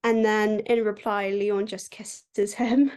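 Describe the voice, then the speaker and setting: Chatty woman with a mid-pitched voice. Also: flat delivery, takes it slowly, a little mellow, clean tone. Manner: chatty, heavy use of "like" fillers. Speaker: podcast co-host. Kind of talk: casual book recap chat.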